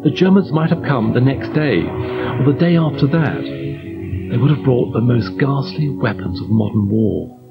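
A man's voice: mid-range voice, expressive, unhurried, creaky, dull audio, loud music behind the voice. A man in his fifties with a posh British accent, presenting a documentary in a well-spoken manner. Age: 50s. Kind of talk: documentary narration and demonstration.

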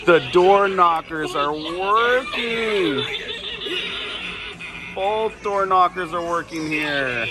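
A woman vlogging as a parent while walking through a large Halloween store, chatty and excitable, filming on a handheld phone. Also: fairly low pitch, drawn-out words. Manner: excitable, chatty, lots of oohs and laughs. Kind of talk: casual walk-through vlog narration. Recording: loud store music behind.

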